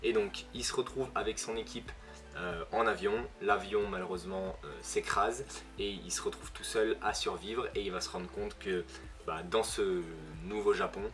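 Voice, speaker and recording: A young manga video host with a northern French ch'ti accent reviews manga casually, filling his talk with fillers and self-corrections. His voice is lowish, fairly even in intonation and at a normal speed, with music playing behind him.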